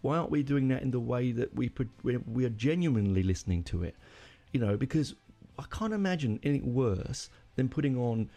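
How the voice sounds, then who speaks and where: A man's voice: medium pitch, lively intonation, a little fast, few pauses, warm tone. A middle-aged man hosting a podcast, talking alone in a rambling, opinionated way and often correcting himself mid-sentence. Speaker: podcast host. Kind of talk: casual solo monologue.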